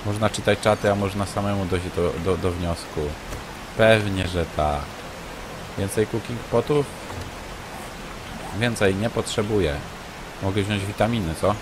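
A man with a lowish voice talks slowly through his game, grumbling and tossing off sarcastic remarks to himself. His commentary stays casual and unhurried. Faint rain from the game patters behind him. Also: slight background noise. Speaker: let's play gamer.

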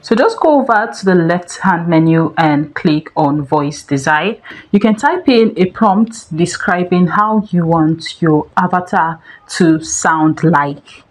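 A woman with a somewhat low voice guides viewers through a screen-recorded software tutorial one step at a time. Her delivery is steady and instructional, with faint music underneath. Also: slow. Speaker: tech tutorial host.

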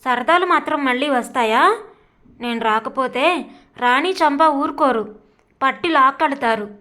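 A woman voicing a lively, stubborn young female college student who answers back teasingly in a storybook reading. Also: sits high. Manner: teasing, stubborn, quick retorts.

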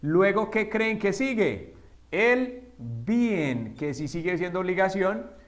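A man teaching English grammar at a whiteboard, asking his students questions and answering them himself, slowing down for the English examples. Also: high voice, very animated. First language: Spanish. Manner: slows down to spell out English examples.

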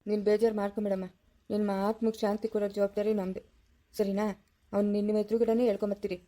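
A kindly grandfather, played by a woman in a homemade family drama. He speaks in a flat, mellow voice but quickly. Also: mid-range voice, lightly acted. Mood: reassuring.

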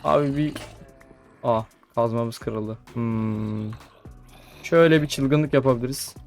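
Young male gaming YouTuber, casual chatty play-by-play, excitable, mid pitch, faint background music. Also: a little slow. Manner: chatty, talks to mobs, frequent excited exclamations. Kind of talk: casual gameplay commentary.

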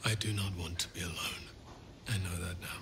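An actor playing a brooding young nobleman husband in a period drama, speaking quietly and earnestly. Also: sits low, steady tone, brisk.

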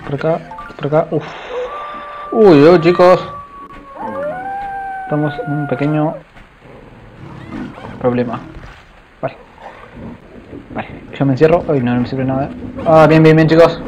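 A young adult man doing excitable let's play commentary, talking to viewers with frequent exclamations. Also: a little high, unhurried, long pauses, over music. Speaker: gaming youtuber. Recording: slightly dull home mic with faint noise.

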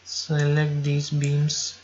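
A man giving slow, step-by-step software instructions over a screen recording, now and then correcting himself. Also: a little high, completely flat delivery, lo-fi sound, noisy background.

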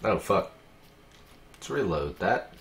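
A young man swearing often while giving casual gameplay commentary, with sudden loud outbursts. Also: sits low, very animated, slow pace, vocal fry, a little hiss or hum. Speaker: let's play gamer. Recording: echoey room.

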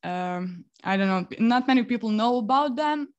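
A young woman from Croatia walks an online audience through technical basics as a workshop presenter. She talks in a friendly, unhurried way, with plenty of "uh"s and the odd small laugh. The sound is a plain webcam mic on a video call. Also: fairly high pitch, animated, dull audio. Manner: friendly, laughs often, explains step by step with fillers. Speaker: developer relations engineer presenting a workshop. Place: home room on a video call.

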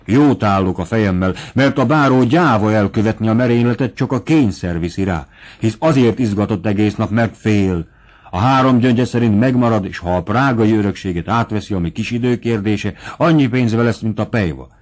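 A man reading an audiobook, voicing a sly, tipsy male servant who flatters and confides. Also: medium pitch, lightly acted. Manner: obsequious, confiding.

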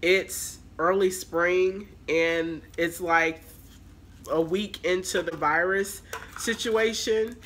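Woman vlogger, congested and nasal, chatty and filler-heavy, bright tone. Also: on the low side, steady tone, slow pace. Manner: rambling, filler-heavy talk. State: congested with allergies. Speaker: haul vlogger. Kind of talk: casual chatty vlog.

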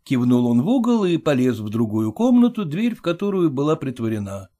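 Expressive male audiobook narrator. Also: mid-range voice, a little fast. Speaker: audiobook reader. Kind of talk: humorous story narration.

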